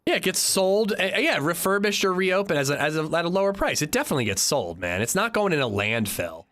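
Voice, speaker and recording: Animated man streaming, lively pitch. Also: quick pace. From Pennsylvania, US. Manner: animated, profane, reacting to chat. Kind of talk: casual gaming livestream chat.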